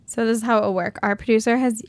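A woman co-hosting a podcast in casual chat, explaining the game and adding quick quips. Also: on the high side, steady tone, no echo. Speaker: podcast co-host.

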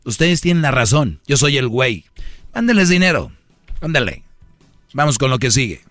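Teasing radio host, dry studio sound. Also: male voice, mid-range voice, very animated, moderate pace, a bit bright, no room sound, soft background music. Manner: teasing, slangy, mock-scolding. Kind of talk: comedic radio monologue.

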